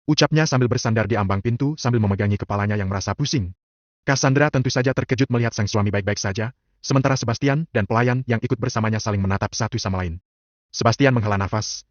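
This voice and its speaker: A man narrating a novel in a brisk, even storytelling delivery. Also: on the low side, dry recording. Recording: dull lo-fi dry recording.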